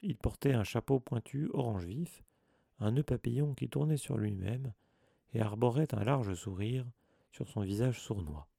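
A man narrating a storybook aloud in a measured, deliberate manner. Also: mid-range voice, vocal fry, mellow, breathy edge, no echo, studio quality. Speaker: audiobook narrator.

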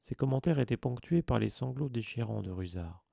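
A man reading an audiobook as narrator in a measured, steady scripted narration. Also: medium pitch, gravelly, no echo, clean studio sound.

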